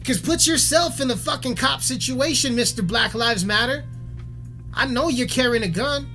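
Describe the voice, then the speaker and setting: A man's voice: extremely high pitch, normal speed, sharp tone. Guy going off in a rant video, cussing every other word, repeats himself a lot, some faint music in the back. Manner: heated, swears constantly, repeats himself. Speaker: musician ranting on camera.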